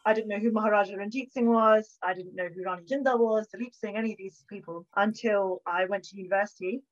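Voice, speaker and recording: A woman's voice: mid-range voice, fast talker. Dull lo-fi recording, young woman, southern English accent, casual storyteller, chatty and self-deprecating. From Buckinghamshire, England. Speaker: podcast guest, historian. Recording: dull, band-limited audio.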